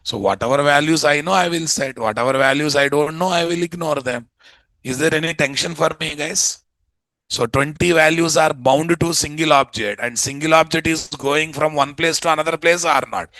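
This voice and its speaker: A man with a Telugu Indian accent teaching a programming class in an animated, colloquial way, often putting rhetorical questions to the students. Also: fairly high pitch, normal speed, dry recording. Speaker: programming instructor. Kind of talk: interactive classroom lecture.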